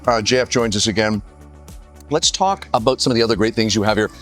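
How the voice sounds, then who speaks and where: An energetic man hosts a TV segment from a restaurant. He keeps a jokey tone. Faint music plays behind him. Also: fairly low pitch, quick pace. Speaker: host. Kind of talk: casual TV segment hosting. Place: restaurant, Vancouver.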